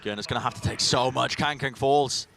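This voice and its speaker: A man's voice: mid-range voice, a little fast, gravelly, background noise. A man working as an esports caster, calling live play in urgent, clipped running commentary.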